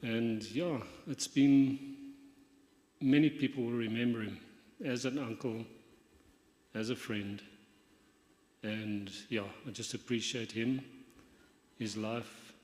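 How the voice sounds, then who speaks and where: An older man from Zambia giving a halting memorial tribute for his brother, with frequent fillers. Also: medium pitch, steady tone, a little mellow. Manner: halting, many fillers like "yeah" and "um". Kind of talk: memorial speech. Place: hall at a memorial gathering. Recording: long reverb of a hall.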